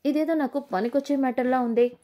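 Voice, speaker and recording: A woman's voice: high-pitched, fairly even intonation, fast talker, dark tone, lightly acted. A woman voicing a scheming, spiteful young woman who taunts her rival. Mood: taunting. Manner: taunting, sneering.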